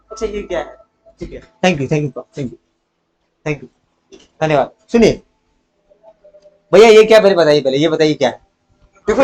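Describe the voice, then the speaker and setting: A man's voice: sits high, low-quality recording. A young man teaching a commerce class, full of energy, who keeps asking questions and answering them himself. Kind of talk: live class lecture.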